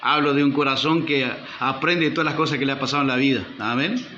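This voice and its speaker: A man's voice: medium pitch, steady tone, fast, bright, forceful tone, slight background noise. A male pastor preaching a sermon, firing rhetorical questions at the congregation and calling for amen. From Uruguay. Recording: roomy, slightly dull church recording.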